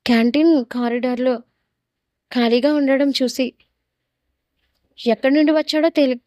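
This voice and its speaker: A woman reads a dramatic romance story aloud. Her voice sits fairly high and stays expressive but steady. The recording is close and dry, with no room sound. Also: no room sound. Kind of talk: dramatic audio story reading.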